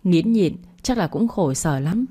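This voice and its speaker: A woman reading as a spiteful young mistress in an audio story, sneering and needling in a low, mellow voice. She talks down with cold contempt, every line a jab. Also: expressive, measured pace, slightly rough. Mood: taunting. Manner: taunting, sneering.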